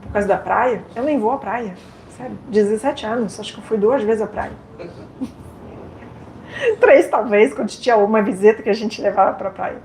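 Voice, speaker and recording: A woman's voice: medium pitch, lively intonation, moderate pace, a little mellow. A French woman with a French accent giving a live lecture, talking directly and playfully and putting questions to her audience. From France. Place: lecture hall. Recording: echoey hall with faint noise.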